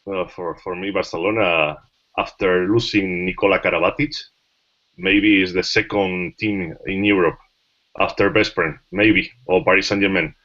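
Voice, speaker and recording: Halting man on a call. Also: low voice, fairly even intonation, fairly bright tone. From Spain. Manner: halting, many fillers and restarts. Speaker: journalist panelist. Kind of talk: casual panel discussion. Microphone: video call. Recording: muffled online call audio.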